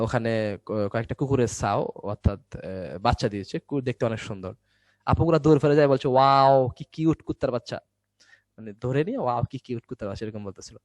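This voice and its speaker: A young man teaches a Bangla grammar class online. His voice sits at an average pitch and keeps checking in with quick questions, then answers them himself. The sound is close and dry, with no room echo. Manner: quizzing students, answering his own questions. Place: indoors, recorded for an online class.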